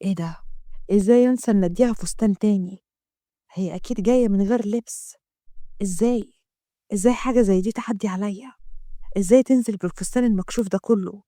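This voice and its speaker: A woman's voice: medium pitch, fast, long pauses, warm tone, no echo, clean studio sound, close to an everyday voice. A woman voicing an arrogant, jealous rich young man, speaking with an Egyptian accent in a harsh, commanding way. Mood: flustered.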